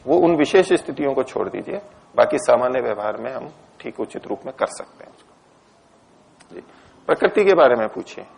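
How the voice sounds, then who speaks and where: A man teaching Ayurveda and ethics, lecturing calmly and answering students' questions. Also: mid-range voice, vocal fry. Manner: calm, measured, explanatory. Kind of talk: Hindi discourse lecture with Q&A.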